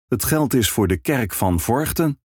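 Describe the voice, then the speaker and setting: A man's voice: medium pitch, expressive, unhurried, darkish tone, slightly rough, dry recording, clean studio sound, pitched above the performer's own voice. A man reading a storybook, voicing a coaxing male priest who asks for alms. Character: persuasive middle-aged male priest, coaxing.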